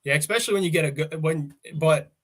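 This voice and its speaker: A man's voice: on the high side, fast talker, fairly bright tone. Casual rambling farmer man. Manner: rambling, storytelling, laughs often. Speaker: farmer guest. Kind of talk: casual chat.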